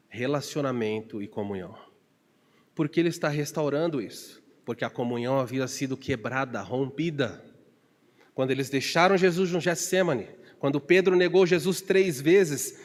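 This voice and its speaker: A man preaching a Bible study as pastor, telling stories with digressions and humor and acting out shouted calls with big pitch jumps. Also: big-room sound. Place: church.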